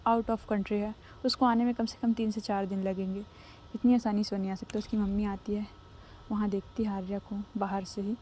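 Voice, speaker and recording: A woman's voice: medium pitch, dark tone, a little hiss or hum. A woman narrating a love story casually and conversationally, slipping English words in.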